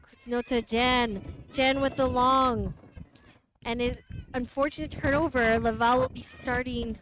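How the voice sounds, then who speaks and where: High-voiced bilingual woman commentator. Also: steady tone, unhurried, fairly bright tone. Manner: switches between English and French. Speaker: sports commentator. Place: outdoors at a windy field. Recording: light wind noise.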